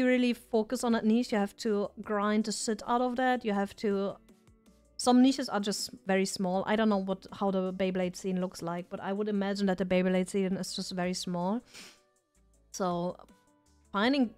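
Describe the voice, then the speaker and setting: A woman streamer with a smooth, darkish, mid-range voice chats casually on a live stream. She rambles in a chatty, self-deprecating way while her voice gives out.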